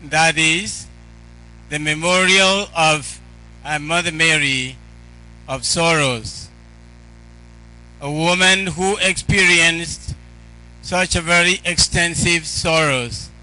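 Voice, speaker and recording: A male preacher gives a homily in a very sharp, bright, forceful voice. He is slightly high in pitch and speaks slowly, phrase by phrase. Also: rough recording. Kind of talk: sermon.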